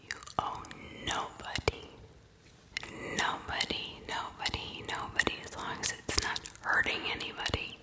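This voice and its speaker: Slow, whispering woman doing ASMR. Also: big-room sound. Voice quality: breathy unvoiced whisper. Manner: soothing, reassuring, with repeated words. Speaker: ASMR livestream host. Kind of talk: whispered ASMR, chatting to live viewers.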